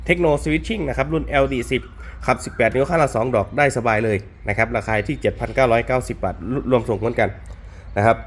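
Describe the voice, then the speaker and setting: A man's voice: medium pitch, fairly bright tone, slight background noise. A man presenting shop stock in an informal sales video, going item by item and repeating prices with frequent polite particles. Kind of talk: informal product walk-through sales video.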